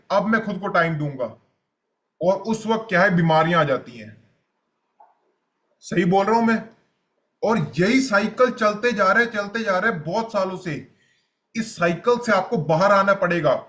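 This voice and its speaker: A man's voice: high-pitched, sharp tone. A man coaching a live group session on health, blunt and repetitive, speaking straight to his listeners.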